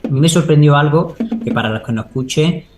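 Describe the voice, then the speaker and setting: A man's voice: on the high side, brisk. Man talking over noticeable background noise. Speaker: local interviewee, Holy Week proclamation speaker. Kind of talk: spontaneous radio interview answers.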